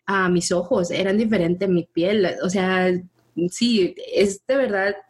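A woman telling her personal faith testimony in casual conversation, animated and quick to laugh as she acts out what people said. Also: mid-range voice, breathy edge. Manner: animated storytelling, laughs often, acts out dialogue.

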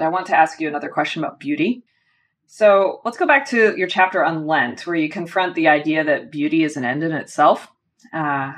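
A woman's voice: sits low, fairly bright tone. A woman co-hosting a podcast, asking a guest long, chatty, carefully framed questions. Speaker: podcast co-host. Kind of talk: interview questions.

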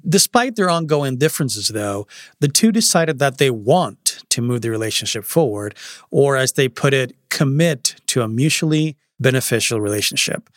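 A man's voice: medium pitch, lively intonation, normal speed, no echo, studio quality. A man who is a staff writer, explaining news as a guest in a podcast interview. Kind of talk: explanatory news analysis in conversation.

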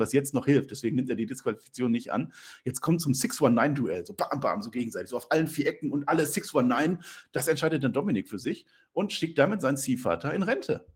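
A man hosting a casual talk show, retelling a fantasy wrestling storyline and jumping into character voices. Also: husky. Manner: animated storyteller, jumps into high squeaky character voices. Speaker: podcast host.

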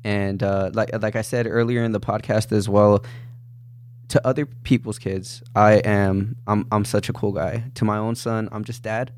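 Man, podcast guest, low voice, humble, casual. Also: normal speed. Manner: humble, relaxed, with restarts. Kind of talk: casual interview talk.

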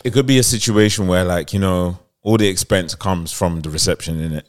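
A man co-hosting a casual chat in slangy, halting speech with emphatic repetition. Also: low-pitched. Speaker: talk show co-host.

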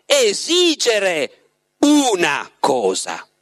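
A man reading aloud as Voland, a slow, sly devil. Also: high-pitched, animated, fairly bright tone, pitched above the performer's own voice. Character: suave, mocking devil, male, ancient, all-powerful.

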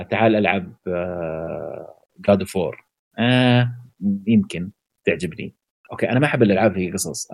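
Male podcast co-host, rapid and animated, lowish voice, opinionated. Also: slightly rough. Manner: animated and opinionated, jumps to high pitch for emphasis; many hesitations and filler sounds. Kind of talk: casual gaming podcast chat.

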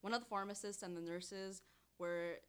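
A woman's voice: medium pitch, moderate pace, clean tone. A young woman from Syria, a podcast guest, telling stories animatedly and acting out what others said. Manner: animated storytelling, quoting others. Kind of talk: casual podcast chat. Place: studio.

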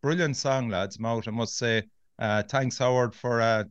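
A man with an Irish accent hosts a casual podcast in a clear, smooth, mid-pitched voice. He sounds matey and keen. The recording is dry and slightly dull. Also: steady tone, a little slow, no echo. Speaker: podcast host.

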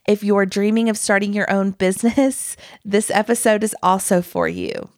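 A woman's voice: medium pitch, steady tone, normal speed, no echo, clean studio sound. Earnest woman podcast host. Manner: earnest, emphatic, addresses listeners as friends and y'all. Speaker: podcast host and small business owner. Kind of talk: scripted solo podcast talk.

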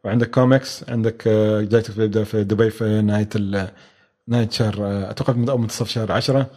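A man's voice: fairly low pitch, steady tone, racing, warm tone. A man answering interview questions, with many hesitations and restarts. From Oman. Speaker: guest, venture capital expert.

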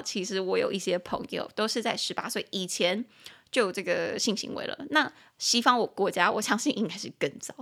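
Young taiwanese woman teaching english on a podcast, flips between mandarin and english, spells stuff out slow. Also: mid-range voice, a bit bright. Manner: mixes Mandarin and English, spells words out slowly letter by letter.

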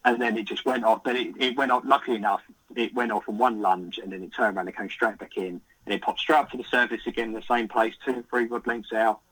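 A young man, a podcast guest recounting a catch in excited, vivid casual chat with the odd swear word. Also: lowish voice, quick pace, breathy edge, rough recording. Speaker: podcast guest, carp angler.

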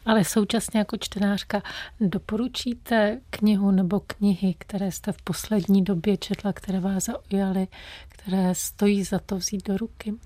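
A woman's voice: mid-range voice, fairly even intonation, warm tone. A woman interviewing a guest, asking polite, formal questions. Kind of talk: radio interview.

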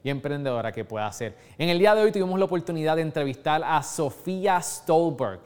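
A man's voice: on the high side, animated, brisk, smooth, long reverb tail. A man hosting a podcast, with an upbeat, salesy delivery. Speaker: podcast host. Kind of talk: podcast intro and interview.

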